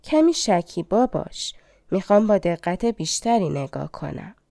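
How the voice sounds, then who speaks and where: A woman voicing an old limping fortune-teller, a fairy in disguise, in a storybook reading, speaking in a gentle, coaxing and mysterious way. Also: medium pitch, big pitch swings, creaky, dry recording, studio quality. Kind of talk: audiobook fairy tale reading.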